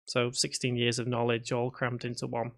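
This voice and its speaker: His voice is medium-pitched, gravelly and a little bright, delivered completely flat at a moderate pace. He's a Scouse-accented game development streamer in his thirties from Liverpool, casually reading out viewer comments on a live stream and answering them amid restarts and fillers.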